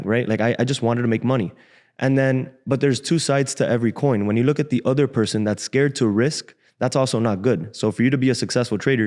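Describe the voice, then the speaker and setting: Frank young man telling his story. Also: medium pitch. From Cuba, raised in Miami. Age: 20s. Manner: relaxed, frank, casual slang. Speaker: guest trader. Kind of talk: casual interview storytelling. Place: podcast studio, indoors. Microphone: desk boom mic.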